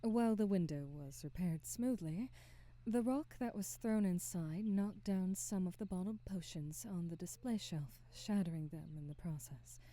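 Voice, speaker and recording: Lightly acted and fairly low in pitch, a woman portrays a gentle, wise, motherly witch shopkeeper centuries old for an ASMR roleplay. She keeps to a breathy, soft half-whisper, choosing formal words at a soothing, measured pace.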